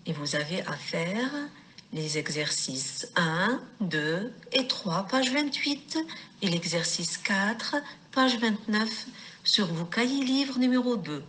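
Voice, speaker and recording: Slow, lively-voiced woman teaching children. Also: medium pitch, a little hiss or hum. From Morocco. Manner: deliberate, word-by-word, stressing each syllable; affectionate toward pupils. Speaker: primary school teacher. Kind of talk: slow reading lesson for young children.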